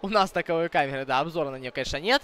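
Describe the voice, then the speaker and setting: Bright-voiced man commentating hockey conversationally. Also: on the high side, rapid-fire, clear, resonant tone. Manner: conversational, thinking aloud. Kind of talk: live sports commentary with conversational asides to viewers.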